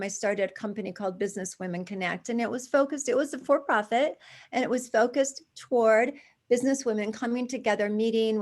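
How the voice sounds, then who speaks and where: A charity founder in her sixties tells her story as a guest in a conversational interview. Her voice is a little high, and she talks with lively restarts and asides.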